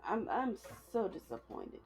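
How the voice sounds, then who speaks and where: A woman's voice: medium pitch, unhurried, rough recording. A woman streamer, giving casual, sarcastic commentary from her room as she plays a game. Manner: sarcastic, deadpan asides. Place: home room.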